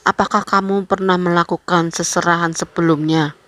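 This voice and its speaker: A wise older uncle figure voiced by a woman in a horror story reading. He speaks slowly and gravely, and his voice is fairly low and calm. He sounds knowing and protective. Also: dry recording, natural voice. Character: wise older male uncle with mystical knowledge.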